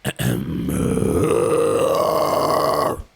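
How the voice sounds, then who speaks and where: A man gives a deep rasping growl as a metal vocal coach demonstrating technique. The sound is guttural and screamed with false chords. Music sits behind it. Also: expressive, extremely slow.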